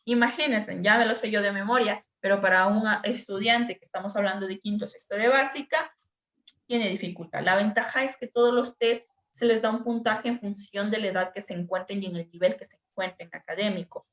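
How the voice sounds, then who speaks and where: A woman's voice: medium pitch, fairly quick, a bit bright. A woman teacher, patiently explaining a dyslexia assessment to a workshop group over a video call. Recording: echoey room, dull lo-fi sound.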